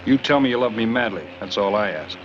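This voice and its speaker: An actor playing a wry, easygoing theatre director and husband, from a 1940s film soundtrack. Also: male voice, lowish voice, lively intonation, fast talker, natural voice. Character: theatre director and husband, young adult man. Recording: dull 1940s film soundtrack with faint hiss.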